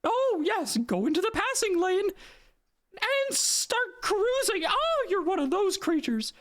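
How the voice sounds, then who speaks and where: Squeaky, furious Mickey Mouse parody. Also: big pitch swings, fairly bright tone, full character voice. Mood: exasperated sarcasm. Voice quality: squeaky falsetto. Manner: exasperated, sarcastic ranting with drawn-out words. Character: foul-mouthed, furious high-squeaky cartoon mouse with road rage. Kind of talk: cartoon character parody.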